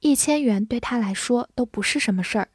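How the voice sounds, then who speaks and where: A woman teaching English words in Chinese, spelling each word out letter by letter and reading example sentences slowly. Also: a little high, breathy edge, dry recording, clean studio sound. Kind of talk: vocabulary lesson.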